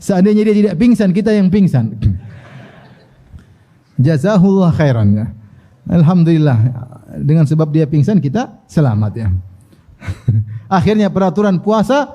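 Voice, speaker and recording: A man's voice: on the high side, animated, a little slow, long pauses, dark tone. A man giving a religious lesson, reciting Arabic passages, then translating them and acting out the dialogue with humor. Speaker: Islamic preacher.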